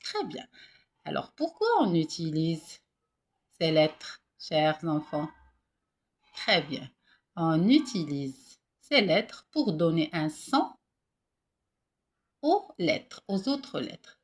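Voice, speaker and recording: A woman teaching a reading lesson to young children. She coaxes them gently and sounds out syllables slowly and one by one. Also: low voice, breathy edge. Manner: warm, coaxing, repeats syllables slowly for children. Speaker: primary school teacher.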